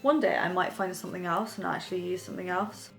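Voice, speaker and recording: Her voice is on the low side, gravelly yet fairly bright, steady in tone and quick, with faint music in the background. The young beauty vlogger rambles casually as she does her makeup on her bed, hosting a chatty get-ready-with-me tutorial from her bedroom.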